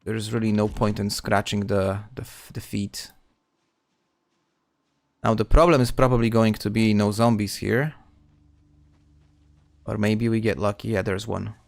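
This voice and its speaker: A man's voice: on the low side, steady tone, a little slow, gravelly, long pauses, no room sound. A man casually commenting on his gameplay stream, chatting with viewers and often restarting words.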